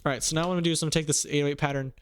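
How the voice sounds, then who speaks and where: A young man talks fast and cheerfully through a beat-making tutorial, his voice sitting a little high. He hums drum patterns out loud as he works. Loud beats play under everything he says. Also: fairly even intonation. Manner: upbeat, quick, hums drum patterns aloud. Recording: loud music playing under the voice. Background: beats playing from the production software.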